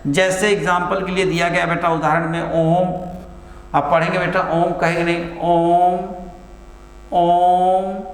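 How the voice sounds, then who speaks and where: A man's voice: fairly high pitch, level tone, moderate pace, fairly bright tone. A man teaches a classroom grammar lesson, calling his students "beta" and answering his own questions. He stretches vowels long to show them. The room is echoey, with a long reverb tail and a mains hum behind him.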